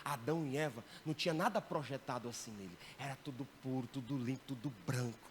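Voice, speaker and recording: A man, a missionary giving a lively church training talk and often checking in with the audience. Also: mid-range voice, quick pace, slight background noise. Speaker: missionary teaching evangelism. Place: church hall.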